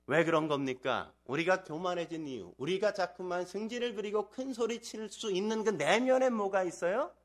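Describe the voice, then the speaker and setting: A man's voice: sits high, a bit bright. A man preaching a sermon to his congregation, asking them frequent rhetorical questions and acting out the voices in his stories. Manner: acts out quoted voices in anecdotes. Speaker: pastor. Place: church sanctuary.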